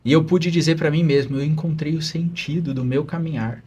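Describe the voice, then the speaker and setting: A man's voice: fairly high pitch, fairly even intonation, brisk, darkish tone, husky. A man, a religious brother, telling an earnest, emotional story of his calling in a podcast interview.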